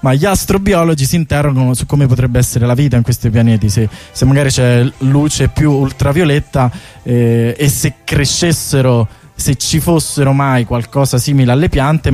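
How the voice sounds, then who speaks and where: A medium-pitched, mellow male voice belongs to a guest artist describing a bike tour project on the radio. He speaks informally and haltingly, rambling and repeating words, with music running behind him in the studio.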